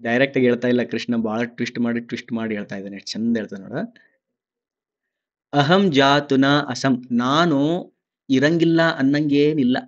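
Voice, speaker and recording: A man teaches scripture verse by verse. He chants each verse slowly, then explains it in relaxed, chatty dialect at a mid pitch. The recording sounds a little dull and lo-fi. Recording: slightly dull lo-fi audio.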